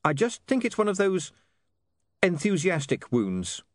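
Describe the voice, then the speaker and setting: A man's voice: sits high, wildly swooping pitch, unhurried, no echo, voice pushed up, full character voice. A man voicing a dry-witted young man who speaks in an understated way. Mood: wry.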